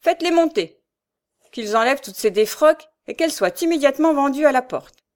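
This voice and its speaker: A woman's voice: sits high, very animated, moderate pace, pitched above the performer's own voice. A woman voicing a stern, impatient male notary in an audiobook, curt and clipped. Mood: commanding. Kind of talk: audiobook character voice.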